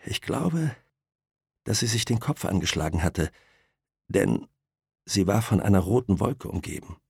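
A man voicing a dazed, injured man who speaks in a hushed, trembling, broken voice. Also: on the low side, big pitch swings, measured pace, gravelly, slightly rough, no echo, studio quality, exaggerated voice.

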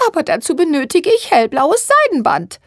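A woman's voice: big pitch swings, normal speed, a little mellow, husky, dry recording, clean studio sound, heavily acted. A woman voicing a plaintive, complaining seamstress who dotes on her son, in a storybook reading. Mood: whining. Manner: whiny, high and plaintive. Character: shrill complaining woman seamstress, doting mother. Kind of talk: audiobook reading.

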